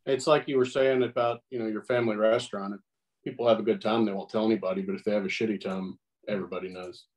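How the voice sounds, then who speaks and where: A man's voice: lowish voice, fairly even intonation, fast talker, a little mellow, poor audio. A middle-aged man talking bluntly and wryly as a panelist in a casual video-call chat. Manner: blunt, wry.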